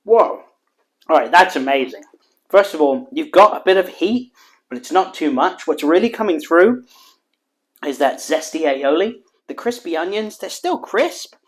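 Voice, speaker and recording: A man hosting a cooking vlog, walking through a burger recipe in calm voice-over and then tasting it on camera with loud, joking enthusiasm. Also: on the high side, normal speed. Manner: energetic and jokey, exclaims while tasting; calm, steady instruction in voice-over. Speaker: cooking show host.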